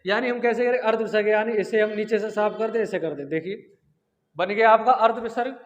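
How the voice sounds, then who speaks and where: Male teacher, exam-prep lecture, quizzes then answers himself, high voice, muffled reverberant recording. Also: fairly quick. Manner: asks the class questions and answers them himself, repeats key terms; demonstrates lip sounds aloud. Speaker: Sanskrit grammar teacher.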